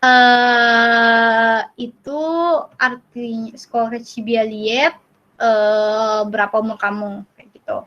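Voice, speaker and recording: A young woman with an Indonesian accent teaching a casual online Russian class over a video call, with fillers and apologies, repeating words slowly for learners. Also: a little high, level tone, highs cut off. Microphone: computer mic on a video call.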